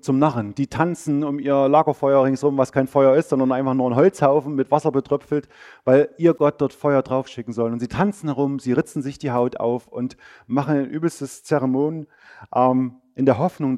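A man preaching a sermon, retelling a story in a lively, casual way and speaking directly to his listeners. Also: medium pitch.

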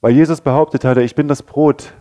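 A male pastor preaches in a conversational way, often asking his listeners questions. His voice is dark and mellow and sits at a middle pitch. He swings between raised, pressing lines and quiet, low ones. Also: fairly even intonation, brisk. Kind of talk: sermon.

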